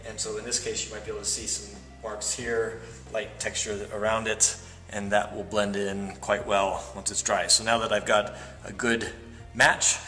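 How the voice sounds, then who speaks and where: A man demonstrating wall repair techniques step by step, explaining in a relaxed way with frequent fillers. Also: on the low side, normal speed. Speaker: plaster instructor. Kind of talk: instructional demonstration. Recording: roomy echo, voice from a distance, faint music.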